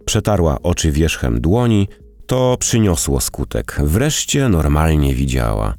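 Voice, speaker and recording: A man narrating a historical novel in an expressive, measured storytelling manner. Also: very deep voice, faint music behind. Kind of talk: audiobook narration.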